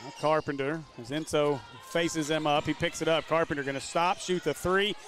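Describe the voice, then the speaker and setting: A man with a high voice calls basketball play-by-play live from a gym. He runs through the action quickly. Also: fairly even intonation, fairly bright tone. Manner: quick, running call of the action. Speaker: play-by-play commentator.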